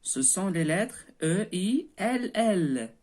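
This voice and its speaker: A woman teacher talks very slowly, with a lowish voice. She leads a children's reading lesson patiently, spelling out letters and praising often, and her pitch rises and falls a lot. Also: animated, a little mellow. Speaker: primary school teacher.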